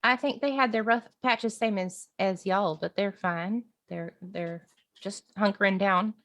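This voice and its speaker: A woman's voice: mid-range voice, unhurried, a bit bright. A woman voicing a polite, earnest noble lady adventurer with folksy phrasing and a diplomatic manner in a tabletop game.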